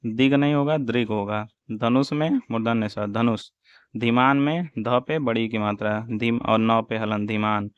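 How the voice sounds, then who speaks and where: Man slowly drilling spellings in a lesson. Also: medium pitch, clean tone, no room sound. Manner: slow, drilling recitation of correct and wrong spellings. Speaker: Hindi teacher. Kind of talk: exam-prep spelling lesson. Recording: dull, dry lo-fi audio.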